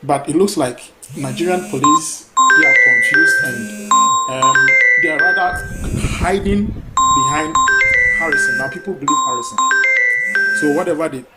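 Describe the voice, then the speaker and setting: A man's voice: fairly high pitch, moderate pace, loud music behind the voice, poor audio. A man from Ghana calling in to a talk show, speaking earnestly with hesitations and fillers. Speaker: caller. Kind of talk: call-in talk.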